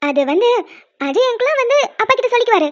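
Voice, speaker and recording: A gentle, coaxing mother. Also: extremely high pitch, big pitch swings, fast. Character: gentle young mother guiding her daughter. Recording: dull dry sound.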